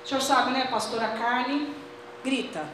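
A woman's voice: sits high, unhurried. A woman with a Brazilian accent preaching a fervent sermon to her congregation in a church. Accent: Brazilian Portuguese. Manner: fervent, addresses congregation as brothers. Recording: very echoey church hall, faint noise.

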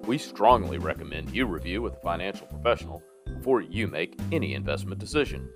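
A man's voice: low-pitched, very animated, fairly quick. Man reading a legal disclaimer over music. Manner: reads legal disclaimer in formal, run-on announcer fashion. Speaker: podcast announcer and producer. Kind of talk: scripted podcast outro with disclaimer. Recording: music behind the voice. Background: guitar music.

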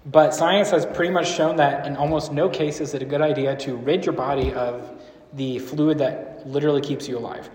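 A man's voice: a little high, fairly even intonation, normal speed, darkish tone. A man teaching a group in a casual, rambling way, often asking the room questions. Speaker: church speaker teaching a series. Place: large room with a live audience. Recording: echoey hall with long reverb.

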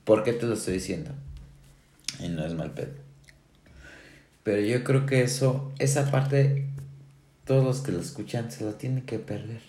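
A man's voice: medium pitch, normal speed, pauses often, dark tone. A man with a Mexican accent hosting a casual podcast, talking in slang and prompting his guest to keep going. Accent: Mexican Spanish. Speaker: podcast host. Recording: roomy echo, faint background noise.

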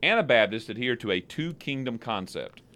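A man co-hosting a podcast, cracking goofy deadpan jokes in casual banter. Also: medium pitch, normal speed, very noisy. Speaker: podcast co-host. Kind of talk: casual chat, outtakes.

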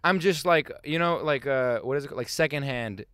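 A man in his twenties, born in Israel and raised in the Bay Area, hosting a casual podcast from inside his van, slangy and excitable. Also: mid-range voice, a little fast, clean tone, no echo, clean studio sound. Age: 20s. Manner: slangy, excitable, bursts into loud shouts. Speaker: podcast host. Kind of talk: casual chat.

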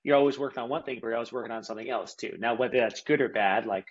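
A man's voice: mid-range voice, racing, breathy edge, dull audio. A man hosting a podcast, chatting in an upbeat, casual way. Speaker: podcast host. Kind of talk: casual interview.

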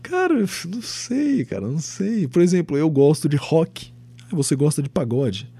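A young Brazilian man hosting his own podcast, giving a rambling, animated opinion monologue, swearing freely and acting out quoted voices. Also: on the high side, moderate pace, slightly rough, dry recording. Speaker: podcast host.

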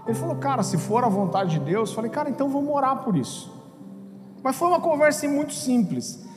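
A Brazilian man, a pastor, telling a story in a sermon with lively humor and acted-out voices. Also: very high voice. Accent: Brazilian Portuguese. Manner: animated, acts out voices, jokes. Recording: hall reverb with music behind.

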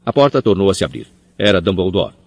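Low-voiced man narrating a story. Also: fast. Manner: steady storytelling read. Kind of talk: audiobook narration.

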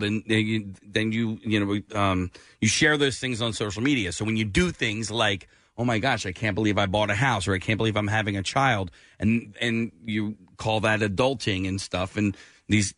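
A man's voice: on the low side, a bit bright, no room sound. Forties male co-host, rambling and self-deprecating, dry close mic, radio chat. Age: 40s. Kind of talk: casual chat.

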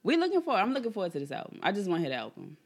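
A woman co-hosting a casual music podcast, animated, laughing often and repeating herself. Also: medium pitch, very fast, husky. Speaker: podcast co-host. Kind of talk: casual chat.

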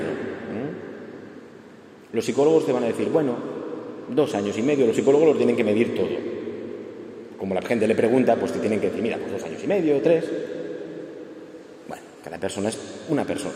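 A man's voice: medium pitch, dark tone. Man preaching in an echoey hall. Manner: conversational, asks rhetorical questions, voices imagined speakers. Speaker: priest leading a grief gathering. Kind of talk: spoken homily on grief. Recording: echoey hall, faint room noise.

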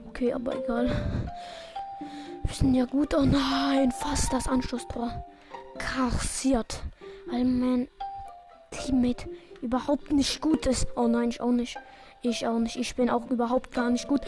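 A high-pitched woman talks through a video game match as it happens. Her play-by-play is excitable and self-mocking. Game music plays clearly underneath her voice. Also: a little slow. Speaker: gaming video creator. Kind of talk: live gameplay commentary.

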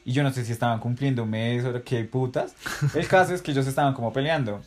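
A man's voice: mid-range voice, fast talker, darkish tone. A young man, chatting casually with a friend and telling stories in heavy slang. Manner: slangy, storytelling, laughs often. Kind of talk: casual chat between friends.

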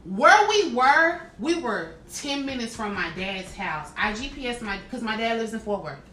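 A bright, high-voiced woman tells a story with lots of swing in her pitch. She sounds exasperated as she acts out the people in it. The room is echoey, with a little noise in the background. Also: moderate pace. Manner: animated, exasperated retelling with quoted voices. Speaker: podcast co-host telling a story. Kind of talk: casual storytelling chat.

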